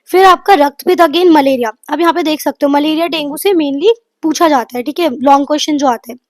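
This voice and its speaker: Woman, exam revision tutor, high voice, brisk topic lists, dry close mic. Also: no room sound. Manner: lists topics briskly, mixes in English terms. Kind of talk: rapid revision lecture.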